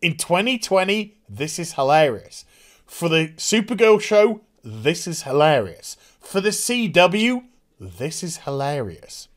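Lively man reviewing TV. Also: fairly high pitch, unhurried. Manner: animated, swears freely, acts out scenes in put-on voices. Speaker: TV show reviewer. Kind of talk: casual episode review.

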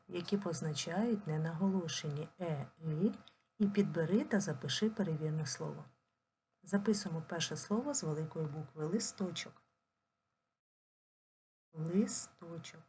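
A woman teaching a primary school language lesson, dictating slowly and clearly and drawing words out syllable by syllable. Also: lowish voice, darkish tone, a little hiss or hum. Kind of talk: recorded online lesson.

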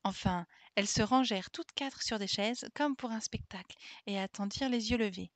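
A woman streamer reading a classic children's novel aloud in a calm, steady storytelling manner. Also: mid-range voice, moderate pace, no echo.

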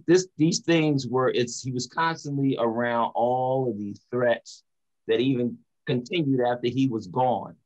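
Lo-fi sound carries a fairly low-pitched voice belonging to a middle-aged preacher and motivational speaker from North Philadelphia, United States. Earnest and emphatic, he repeats words to make his point in a casual online panel, talking over a video call through a computer mic from a small room at home or an office.

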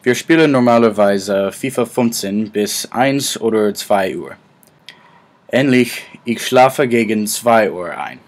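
A 19-year-old American student, a native English speaker from the United States, reads his class presentation aloud. He goes slowly and carefully in a fairly low voice.

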